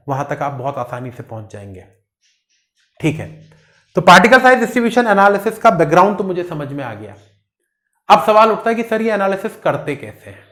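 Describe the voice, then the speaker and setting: Man tutoring, rhetorical questions, patient lecture. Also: sits high. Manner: explains with rhetorical questions, mixing English terms. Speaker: engineering exam tutor. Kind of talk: casual classroom lecture.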